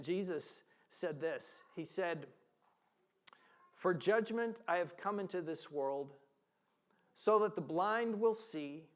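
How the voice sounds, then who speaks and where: A middle-aged male pastor preaching a sermon, soft-spoken, often restarting his sentences. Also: fairly high pitch, clear, resonant tone.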